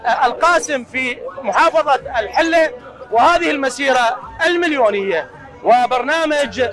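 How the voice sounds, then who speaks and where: A man with an Iraqi accent reporting live and asking brisk questions outdoors at a crowded procession. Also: very high voice, expressive, fairly bright tone. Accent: Iraqi Arabic. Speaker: field reporter. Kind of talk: live broadcast interview. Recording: crowd noise behind.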